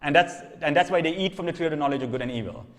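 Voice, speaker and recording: A man with a fairly high, fairly bright voice preaches at a racing pace in a conversational teaching style, often checking in with "okay?" and repeating or restarting phrases. It's a sermon-style lesson recorded in a hall with long reverb.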